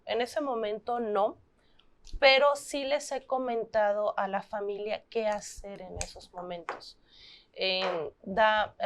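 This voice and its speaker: Earnest Mexican woman, slightly high voice. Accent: Mexican Spanish. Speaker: thanatologist guest. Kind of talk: interview talk.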